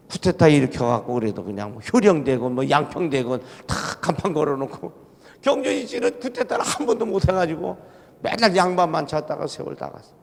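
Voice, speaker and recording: A man's voice: a little high, creaky, a little mellow. A middle-aged man, a pastor giving a revival sermon in a church, telling folksy humorous stories with emphatic delivery. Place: church sanctuary. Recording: long church hall reverb.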